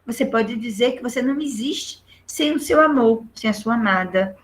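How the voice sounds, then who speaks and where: A woman's voice: on the high side, lively intonation, moderate pace. A middle-aged Brazilian woman teaching a literature lesson, explaining patiently and often checking in with the class. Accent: Brazilian Portuguese.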